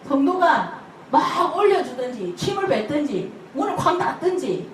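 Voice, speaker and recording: An older woman pastor, preaching an animated sermon full of stories, acting out church members' voices and laughing often. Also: high voice, moderate pace. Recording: echoey hall from far off, noisy ambience.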